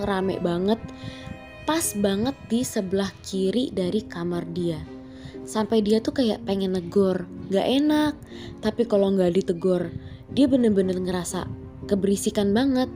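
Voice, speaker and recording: Here a woman with a medium-pitched voice and a lisp-like R, unable to roll the sound because of a speech impediment, hosts a horror storytelling channel. She's chatty, mixes English words into her speech, and calls her listeners "guys." Her casual, scripted-feeling narration plays over background music.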